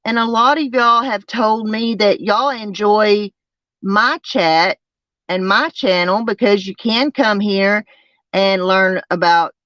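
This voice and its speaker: Slow, twangy Southern US livestreamer, unclear recording. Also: mid-range voice, fairly bright tone, no echo. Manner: halting, repeats phrases. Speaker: livestream host. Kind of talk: casual livestream chat. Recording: dull lo-fi sound.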